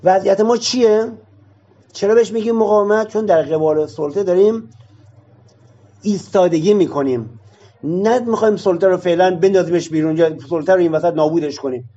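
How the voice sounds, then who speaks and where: Man, argumentative lecturer, higher pitched, husky, dull lo-fi sound. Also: dark tone. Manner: argumentative, explains with rhetorical questions. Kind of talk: debate in a discussion session.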